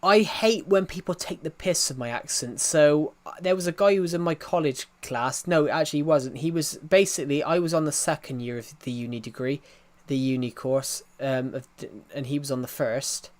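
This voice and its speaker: A young man from the UK with a thick regional British accent chats casually on a game stream, rambling, restarting his sentences often and reading chat aloud. His voice is fairly high, at a moderate pace with few pauses.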